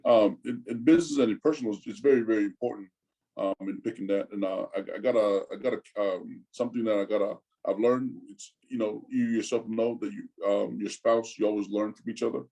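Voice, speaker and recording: This is a rough recording of a fortyish man from Tonga being interviewed in a relaxed way. His voice sits on the low side, steady and mellow, and his speech stops and starts with repeated words and frequent use of "man."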